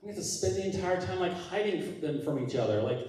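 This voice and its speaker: A man performs stand-up on a theater stage, his voice lively and a touch high, heard from some distance in a very echoey hall. He talks in a halting, deadpan way, stacking fillers between punchlines. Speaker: stand-up comedian. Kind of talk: stand-up comedy set. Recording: roomy hall sound from a distance. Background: audience laughing.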